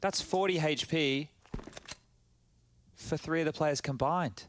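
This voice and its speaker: A man's voice: fairly high pitch, takes it slowly, a bit bright. A man giving live esports match commentary as an analyst and co-caster. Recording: faint game noise and clicks behind.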